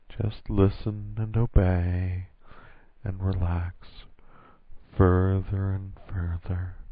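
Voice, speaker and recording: A man leading a hypnosis induction as a hypnotist, speaking in a soothing, repetitive, hypnotic way with drawn-out pauses. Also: sits low, dry recording. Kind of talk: hypnosis induction, scripted guided relaxation. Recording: narrow phone-like band, roomless dry sound.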